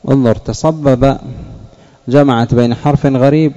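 Man, sheikh teaching a class, slow deliberate delivery, repeats words, questions students, dull lo-fi recording. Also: mid-range voice, fairly even intonation, gravelly, warm tone. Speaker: sheikh teaching Arabic morphology.

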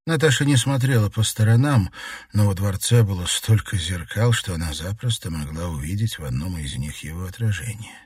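A man narrating an audiobook in a measured, even storytelling manner. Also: low-pitched, husky, dry recording, clean studio sound, recorded from a distance. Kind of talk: scripted narration.

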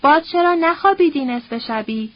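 A bitter, exhausted young man, as a woman narrator puts him on, speaking in short, stern lines. The read sits high in pitch. The audio is dull and lo-fi. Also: lively intonation. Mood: curt angry. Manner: curt, stern. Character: weary, bitter young man, tense and proud. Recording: dull lo-fi recording.

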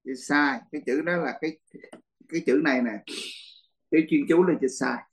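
A man's voice: fairly high pitch, moderate pace, poor audio. A man, a Buddhist monk, teaching a dharma class in a blunt, teasing way and laughing often.

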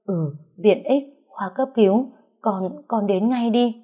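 A woman's voice: lowish voice, normal speed, dark tone, breathy edge. A woman reader voicing a frantic middle-aged mother who pleads through tears in a storybook reading. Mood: panicked. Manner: tearful, pleading.

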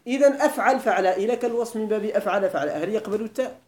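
Here the grammar teacher, Moroccan-accented, talks rapid-fire in a high-pitched, darkish voice. He lectures the class on Arabic grammar and quizzes them again and again to check comprehension, with a roomy lesson-hall sound.

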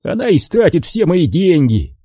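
A man's voice: sits high, very animated, normal speed, mellow, no echo, studio quality, voice pushed up, full character voice. A man voicing an easygoing, chatty older café owner, wheedling and jokey, in an audiobook. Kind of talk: audiobook character voice.

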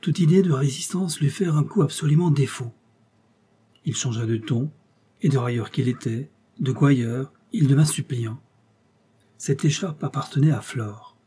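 A man narrating a serialized crime novel as an audiobook, with measured, dramatic reading. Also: medium pitch, mellow, slightly rough.

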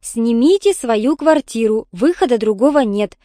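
A woman's voice: high-pitched, animated, normal speed, mellow, dry recording, studio quality. A woman reading the part of a bossy neighbor woman who gives firm, insistent advice.

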